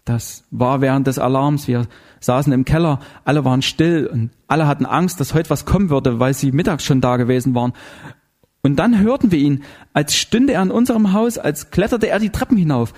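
A man's voice: a little high, a little fast, darkish tone, lightly acted. A man reading an audiobook voices a frightened wife who tells of a terrifying night, tense and pleading. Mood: fearful. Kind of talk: audiobook character voice.

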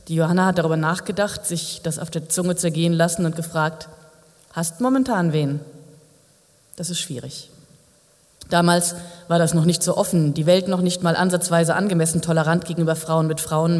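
A man narrating a novel in a dry, wry manner, with long reverb. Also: fairly high pitch. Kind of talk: audiobook narration.

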